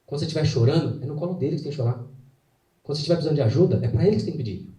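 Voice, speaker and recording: Casting: earnest male faith speaker, mellow tone, echoey hall, mic at a distance. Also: a little high. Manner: earnest storytelling with dramatic pauses. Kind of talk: live inspirational talk. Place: hall with an audience.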